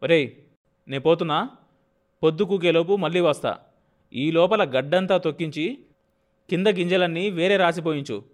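A man voicing a stern, bossy young farmer who shouts orders at his laborers in an audiobook. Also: a little high, normal speed, long pauses, pitched above the performer's own voice, natural voice. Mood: commanding. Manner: loud, commanding, scolding. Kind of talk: audiobook character voice.

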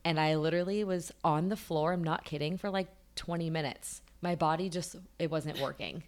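A woman chatting on a podcast while catching her breath after a workout. Her voice sits very low, and she tells her stories in a rambling, laid-back way. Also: normal speed. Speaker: podcast co-host, nutrition coach. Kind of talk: casual chat.

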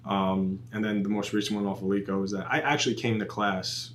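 A police officer in his late twenties, a guest on a podcast, chats casually and tells stories animatedly, acting out quotes. His voice is lowish and quick, with slight background noise.

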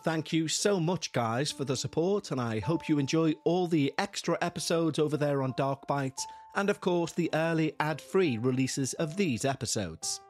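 A man hosting and narrating a scripted paranormal podcast in an ominous, late-night radio storyteller manner. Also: a little high. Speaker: podcast host. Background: music.

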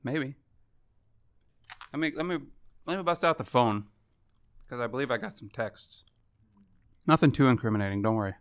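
A man's voice: mid-range voice, normal speed, long pauses, smooth, dry recording, studio quality. A man hosting a casual podcast chat, joking and swearing freely, sometimes talking with his mouth full. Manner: joking, casually profane, talks through mouthfuls of food. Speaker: podcast host. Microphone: podcast microphone.

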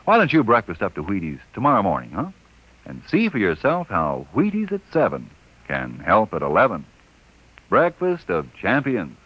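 A man reading a radio commercial in a friendly, folksy salesman manner, his pitch leaping around with lively energy. The sound is muffled and thin, as on an old broadcast disc. It is the voice of a veteran sponsor announcer from the golden age of radio. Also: normal speed, a little hiss or hum. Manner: folksy, chatty salesman pitch with rhetorical questions. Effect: old broadcast disc transcription. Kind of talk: scripted radio commercial read. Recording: dull lo-fi vintage radio transcription.

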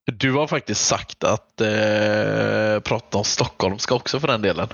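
A man's voice: fairly low pitch, vocal fry, a bit bright, no room sound. A man, chatting casually as a podcast co-host on a slightly muffled microphone. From Gothenburg, Sweden. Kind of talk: casual chat.

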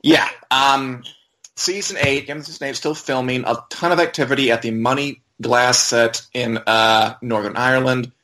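A man's voice: medium pitch, steady tone, moderate pace, sharp tone, rough recording. A man talking casually as a podcast co-host, in an informal, conversational way. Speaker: website editor and podcast co-host.

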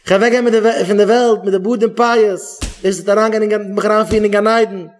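A man, a rabbi giving an animated talk to yeshiva students, acting out little dialogues and mixing in English words. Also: high-pitched, fast, soft background music.

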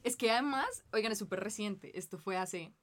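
A young woman, telling a story in animated, slangy casual chat. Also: mid-range voice, normal speed.

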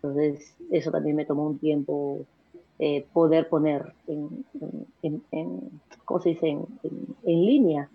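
A young woman talks quickly and energetically, restarting and repeating herself as ideas pile up. Her voice is husky and comes through thin and tinny, as over a phone line. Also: sits low. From Peru. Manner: fast, energetic talker with many restarts and repeated words. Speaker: interview guest. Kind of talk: casual conversational interview.

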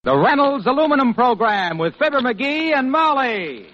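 Chipper 1950s radio ad man, lively high pitch. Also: moderate pace. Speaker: radio show announcer and sponsor pitchman. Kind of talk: chipper 1950s radio advertising announcer delivery. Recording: dull, lo-fi vintage radio recording.

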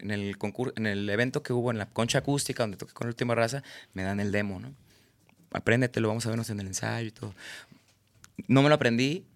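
In a casual storytelling interview, a guest singer-songwriter with a Mexican accent, originally from Tabasco, Mexico, spins rambling, slangy stories and performs his friends' lines. He speaks at medium pitch, recorded with no echo.

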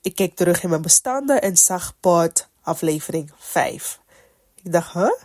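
A woman with a slightly low voice, thickened by a head cold and a stuffy nose. She hosts a podcast on her own, speaking conversationally and reflectively, as if telling a personal story. The sound is dry and close, with very little room around it. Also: animated, a little slow, a little mellow, no echo. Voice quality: stuffy nose, congested nasal voice. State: has a cold. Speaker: podcast host. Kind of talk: casual solo podcast talk with personal faith reflection.

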